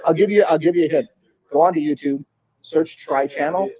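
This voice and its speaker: A man's voice: on the high side, a little fast, dark tone, husky, dry recording, lo-fi sound. A man hosting a casual live talk show from a restaurant patio, chatty and folksy. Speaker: podcast host.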